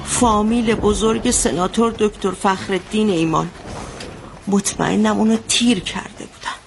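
A woman's voice: mid-range voice, steady tone, vocal fry, noisy background, natural voice. An actress playing an anxious mother who recounts a bloody wedding in a radio drama, telling it vividly. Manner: vivid storytelling, shouting out the quotes she retells.

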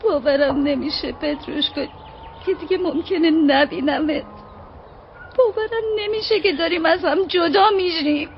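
An actress dubbing a young maid who pleads tearfully with her master. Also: high-pitched. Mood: distressed. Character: young maid pleading not to be sent away. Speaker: dub actor. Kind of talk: dubbed period drama. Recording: dull audio with steady hiss.

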